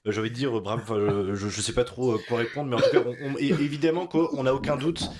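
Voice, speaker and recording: Male TV interviewer, halting, stammers, repeats words. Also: mid-range voice, fairly even intonation, a loud crowd. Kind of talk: television interview.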